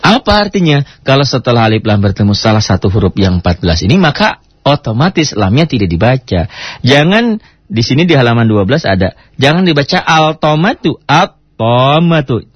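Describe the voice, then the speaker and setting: A man teaching a Quran reading lesson, lively and drawing out Arabic words to demonstrate them. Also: mid-range voice, a little fast, husky, dry recording. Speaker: Islamic teacher. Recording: dull lo-fi sound.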